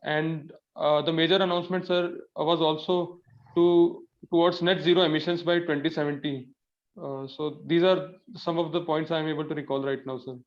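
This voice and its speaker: A young Indian man with a slightly high voice answers formally as an interview candidate. He sounds nervous and halting, deferring politely to the panel. The recording is dull and lo-fi. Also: steady tone. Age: young adult. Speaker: civil service candidate in a mock interview. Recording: dull lo-fi audio.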